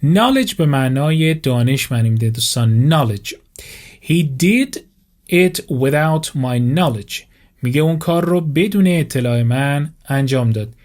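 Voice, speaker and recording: Man slowly reading English examples. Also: medium pitch, lively intonation, a little mellow. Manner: reads English examples very slowly, explains quickly in Persian. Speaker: English teacher. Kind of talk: vocabulary lesson.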